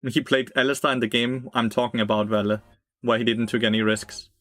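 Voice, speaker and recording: A man's voice: medium pitch, steady tone, brisk, fairly bright tone, no echo. A young man streaming a game, giving blunt, profane commentary, laughing and answering chat. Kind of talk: casual gameplay commentary.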